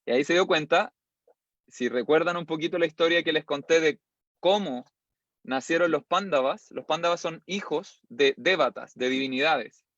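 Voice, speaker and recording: A man teaching a class, an animated storyteller who acts out scenes as he goes. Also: a little high, moderate pace, no echo. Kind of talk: lively storytelling lesson. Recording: slightly dull lo-fi sound.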